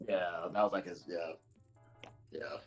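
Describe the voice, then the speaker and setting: A man's voice: deep voice, fairly even intonation, measured pace, soft background music. A man in a casual stream chat, rambling, repeating himself and swearing often.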